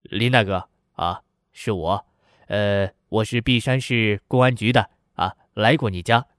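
Audiobook: man doing a soft-spoken cop, hesitant, with hushed asides. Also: fairly low pitch, measured pace, dry recording, clean studio sound. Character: male police officer, familiar with the family.

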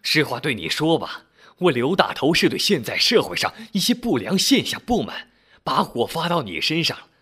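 A man voicing a blunt, loud middle-aged street bike repairman who scoffs and talks bluntly in a storytelling recording. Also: a little high, sing-song, normal speed, husky, pitched above the performer's own voice, exaggerated voice. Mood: earnest.

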